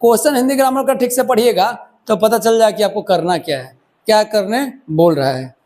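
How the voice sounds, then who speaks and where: A man's voice: high voice, fairly quick, darkish tone. A man teaching a grammar lesson for exam preparation, talking to students in a loose, conversational way and often checking that they are following. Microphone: microphone.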